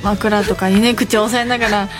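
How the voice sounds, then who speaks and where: A woman's voice: mid-range voice, fairly even intonation, a little fast. A young woman with a Kansai accent co-hosting a radio show in an enthusiastic, gushing, laugh-prone way. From Kansai, Japan. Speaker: radio co-host. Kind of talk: casual radio chat.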